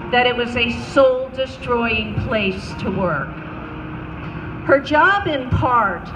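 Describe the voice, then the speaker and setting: A woman delivering a prepared memorial speech as a public speaker, telling accounts in a solemn, deliberate manner, recorded in a roomy space. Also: a little high. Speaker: public speaker, anti-abortion counselor. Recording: roomy, distant mic, noisy ambience.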